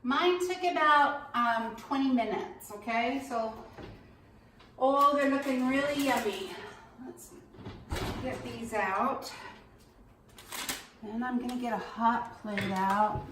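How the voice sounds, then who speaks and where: A woman cooking show host talks viewers through a recipe in an unhurried, homey chat. She sits back from the mic in a roomy, echoey kitchen. Dishes and cutlery clink faintly behind her. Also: on the high side, recorded from a distance, background noise. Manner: chatty, slow and homey. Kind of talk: home cooking demonstration. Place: home kitchen.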